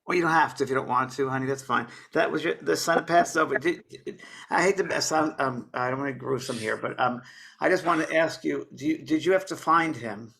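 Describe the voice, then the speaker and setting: Bright-voiced man giving a psychic reading. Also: mid-range voice, a little fast, creaky. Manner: earnest, coaxing, calls people honey and baby. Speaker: psychic medium. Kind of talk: live mediumship reading.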